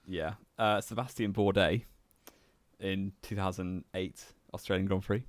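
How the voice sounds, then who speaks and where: A young man co-hosting a casual motorsport podcast, relaxed and teasing, laughing often. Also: deep voice, measured pace, no echo. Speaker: podcast co-host. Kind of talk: casual chat.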